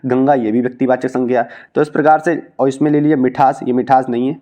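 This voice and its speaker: Mellow-voiced male tutor explaining questions. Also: medium pitch, fairly even intonation, quick pace, dull audio. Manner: explanatory, repeats points, checks with "ठीक है". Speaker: exam coaching teacher. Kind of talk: Hindi exam-prep lesson going through practice questions.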